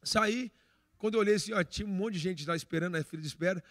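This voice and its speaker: Fast-talking, high-voiced Brazilian pastor. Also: male voice, no room sound, clean studio sound. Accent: Brazilian Portuguese. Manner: animated storyteller, acts out dialogue, frequent restarts. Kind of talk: sermon with personal storytelling.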